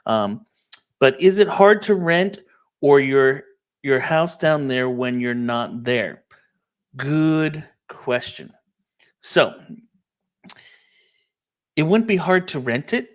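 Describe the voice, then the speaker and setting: A man's voice: medium pitch, expressive, slow pace, pauses often. A man, a real estate agent, giving a casual live-stream walkthrough of listings and answering viewer questions, checking in often with "okay?". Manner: casual, explanatory, many "um" and "okay?" check-ins.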